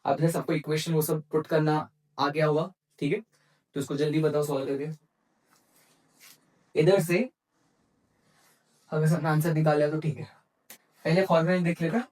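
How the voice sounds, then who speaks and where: A man's voice: fairly high pitch, little pitch movement, moderate pace, pauses often, darkish tone, rough recording. A man teaching physics to exam students. He talks in Hindi mixed with English terms and keeps asking the class questions and then answering them himself. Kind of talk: exam-prep physics lecture.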